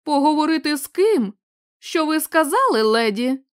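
A woman's voice: sits high, big pitch swings, moderate pace, no room sound, clean studio sound, pitched above the performer's own voice. A woman reading the part of menacing bouncers who speak curtly with a growl. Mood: gruff. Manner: gruff, growling, curt. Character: gruff, menacing casino bouncers.

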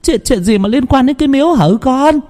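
A man voicing a village mother in a ghost story, wailing and lamenting in a high falsetto. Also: expressive, brisk, darkish tone, soft background music.

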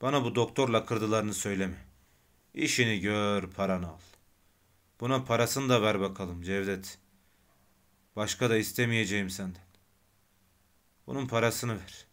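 A man voicing a dying, irritable man with tuberculosis who grumbles bitterly and bursts into shouting. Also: fairly low pitch, measured pace, pauses often. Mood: grumbling.

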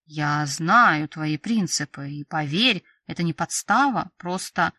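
A woman's voice: on the low side, animated, normal speed, no echo, far from the mic. A woman voicing a brash young male boss who is sly, smug and pushy, in an audiobook. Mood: coaxing. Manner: smug, wheedling, then snapping orders.

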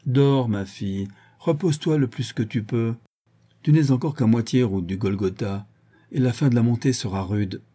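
A man's voice: mid-range voice, expressive, normal speed, warm tone, husky. A man voicing a drunk, mocking middle-aged villain who taunts his captive in an audiobook. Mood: cold threatening. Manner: sneering, jovial, taunting. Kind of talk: audiobook character voice.

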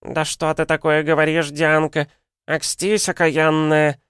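A man's voice: fairly high pitch, completely flat delivery, unhurried, fairly bright tone, clean tone, no room sound, clean studio sound, pitched above the performer's own voice. A man voicing an indignant old village woman who exclaims in outrage. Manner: scandalized, exclaiming.

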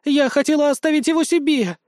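Man doing a high, apologetic young alchemist girl for an audiobook, dry read. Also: fast talker, warm tone, no room sound. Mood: pleading. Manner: apologetic, pleading.

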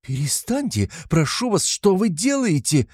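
A man's voice: on the high side, huge pitch swings, normal speed, warm tone, slightly rough, dry recording, clean studio sound, voice pushed up, full character voice. A man voicing an anxious, timid older mother who pleads in alarm in an audiobook.

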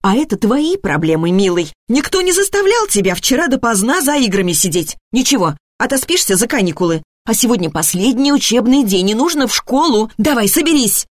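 A woman voicing a harried, sharp-tongued mother who scolds her son in a raised voice. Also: fairly high pitch, very animated, fairly quick, hardly any pauses, no echo, clean studio sound. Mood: scolding. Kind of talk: audiobook dialogue reading.

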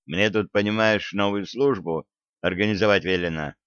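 A man's voice: fairly low pitch, moderate pace, fairly bright tone, smooth, dry recording, close to an everyday voice. A man voicing a cheeky, brash young male royal gossip. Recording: dull lo-fi dry recording.

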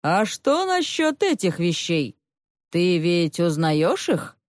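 A harsh male palace official interrogates with slow, menacing fury, roaring his threats. A woman reading the story gives him this voice. The sound is dry and close to the mic. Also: fairly low pitch, very animated, a little mellow, no room sound. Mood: furious.

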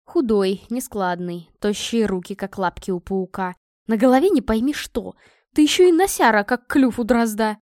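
A woman narrating a first-person audiobook in an expressive, sardonic manner. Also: mid-range voice, normal speed, no room sound, clean studio sound.

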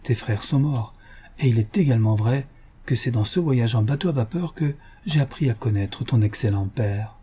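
A man voicing a gentle, solemn, dying mother in an audiobook, speaking in a raised pitch. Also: normal speed, breathy edge, close to an everyday voice. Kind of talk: audiobook character reading.

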